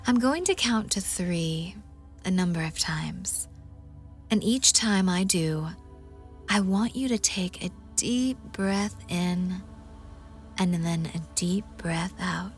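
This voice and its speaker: A woman doing an ASMR role-play as a hypnosis guide, murmuring softly and breathily right into the ear, teasing, coaxing and gently commanding. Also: fairly low pitch, takes it slowly, long pauses, faint music behind. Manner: soft, intimate, breathy close-up murmur, right in the ear, often slipping into soft voice. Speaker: hypnosis audio host.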